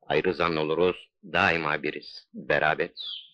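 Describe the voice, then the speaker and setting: Passionate, resolute young officer: low, solemn declamation, vintage film sound. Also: male voice, fairly even intonation, unhurried, sharp tone, no echo, full character voice. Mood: ardent pleading. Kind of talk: melodramatic old Turkish film acting. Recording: dull old dubbed film soundtrack.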